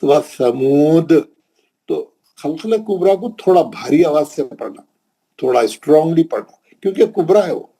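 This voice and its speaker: A man from India with a Hyderabadi Urdu accent runs a Quran recitation class as a classroom lesson. He's patient, repeats points and checks in with his students, talking at normal speed in a slightly high, dark, slightly rough voice with lively intonation.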